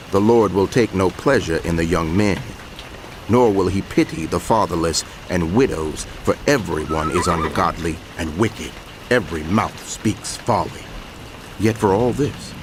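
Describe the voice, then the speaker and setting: A man giving a solemn, declamatory dramatized scripture reading with deliberate pauses. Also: sits low, noisy background. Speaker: scripture narrator. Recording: music bed under the voice. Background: background music.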